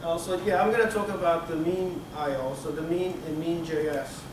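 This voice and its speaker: At a technical conference, a middle-aged Turkish man walks through his slides, often pausing and starting sentences over with plenty of fillers. His slightly high voice is captured from across the room by a camera at the back of a conference room with a projector screen. Strong reverb and constant room noise surround him.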